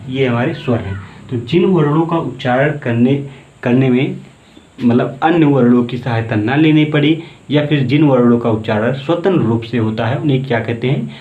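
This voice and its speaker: A man's voice: mid-range voice, slight background noise. Hindi teacher answering his own questions. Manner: asks questions and answers them himself, repeats key words slowly. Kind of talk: exam-prep grammar lesson. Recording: tinny, echoey phone-like room audio.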